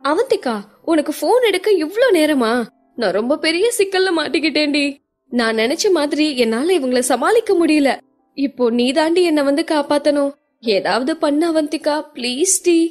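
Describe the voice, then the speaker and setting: A woman's voice: sits high, normal speed, a little mellow, soft background music, natural voice. A woman voicing a panicked young woman who pleads with her friend, sobbing between her words, in an audio story. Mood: tearful pleading.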